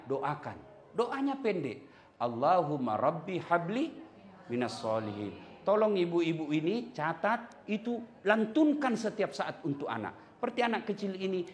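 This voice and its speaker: A middle-aged man preaching an Islamic sermon to a live audience, animated and joking, acting out the people he quotes. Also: a little high. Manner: animated, acts out quoted voices, jokes with the audience.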